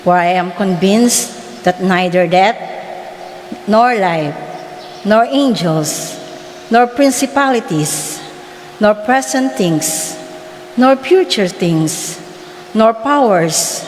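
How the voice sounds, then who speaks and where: A woman reads scripture formally in short, deliberate phrases. Her pace is very slow, and her voice carries a long church reverb over faint background noise. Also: medium pitch, animated. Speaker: lector at Mass.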